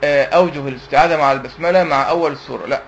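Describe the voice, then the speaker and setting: Egyptian male teacher of a youth Quran class, quick-fire, raised pitch, asks and answers his own questions. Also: highs cut off, a little hiss or hum. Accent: Egyptian Arabic. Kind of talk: religious lesson to youth.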